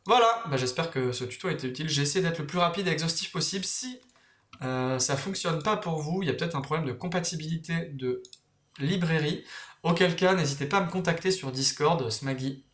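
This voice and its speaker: A man explains software steps in a loose, conversational tutorial, backtracking when he misspeaks. His voice sits a little high for a man. The recording carries a noticeable roomy echo. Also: brisk. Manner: casual, talks while clicking, self-correcting. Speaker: tutorial host.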